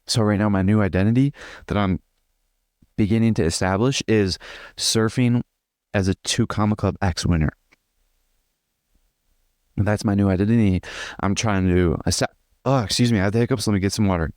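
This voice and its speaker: Deep-voiced young man rambling earnestly. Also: normal speed, long pauses, darkish tone, dry recording, studio quality. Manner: rambling, filler-heavy, earnest. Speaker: vlogger. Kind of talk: casual personal vlog.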